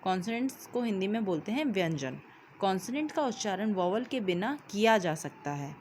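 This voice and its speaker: A woman's voice: medium pitch, very animated, normal speed, a little mellow, a little hiss or hum. A woman teacher with an Indian accent explains English grammar in a recorded lesson. She goes step by step, spells words out letter by letter and closes each point with "ठीक है".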